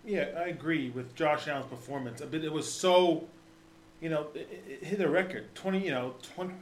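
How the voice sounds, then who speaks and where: A man's voice: a little high, moderate pace, echoey room, slight background noise. A man co-hosting a casual sports podcast, talking in a rambling way with many restarts. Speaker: podcast co-host.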